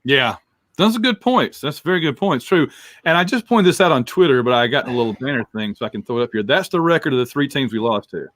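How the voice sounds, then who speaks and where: A man's voice: medium pitch, expressive, fast, a bit bright, dry recording, studio quality. A man hosting a casual sports fan show, chatting in a blunt, conversational way. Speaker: sports podcast host.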